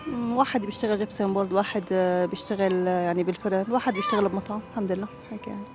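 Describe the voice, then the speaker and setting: A woman's voice: mid-range voice, steady tone, racing. A middle-aged woman with a Syrian Arabic accent, answering questions in a casual personal interview. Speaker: street interviewee. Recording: background music under voice.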